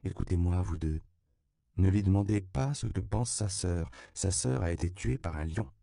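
A man's voice: low voice, moderate pace, vocal fry, warm tone, dry recording, studio quality. A man reading an audiobook, voicing a mysterious, alluring woman who speaks in a coaxing yet imperious way.

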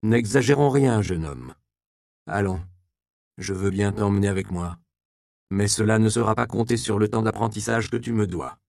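A gruff middle-aged apothecary, as a male reader acts him out, stern and measured, his voice gravelly and mid-pitched. Close, dry storybook sound. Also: darkish tone, no echo.

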